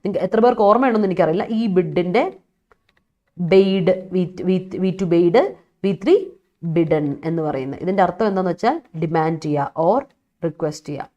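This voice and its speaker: A woman from Kerala who teaches English runs a live online vocabulary class in a fairly quick, lowish, warm voice, and the audio is dull. She mixes English words into her explanations, reads her students' chat messages aloud, and laughs often as she answers them.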